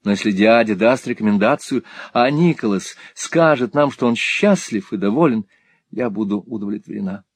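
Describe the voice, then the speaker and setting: A man's voice: lowish voice, animated, normal speed, husky. A man reading an audiobook, voicing a proud young woman who speaks earnestly and firmly.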